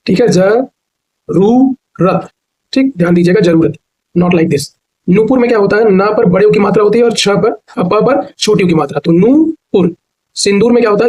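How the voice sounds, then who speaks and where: High pitched guy running an online class, asks then answers, repeats everything, drags words out. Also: a little mellow, low-quality recording. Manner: repetitive drilling question-and-answer; stretches words to show spelling. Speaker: Hindi teacher. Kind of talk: online exam-prep lesson.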